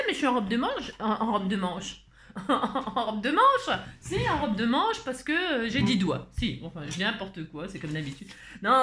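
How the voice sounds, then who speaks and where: A woman's voice: on the high side, fairly bright tone, reverberant, slight background noise. A woman from Burgundy with a Burgundian French accent, chatting through a craft tutorial in a rambling way and often laughing at herself. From Burgundy, France. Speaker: craft vlogger. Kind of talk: casual chat and craft tutorial. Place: indoor room away from home.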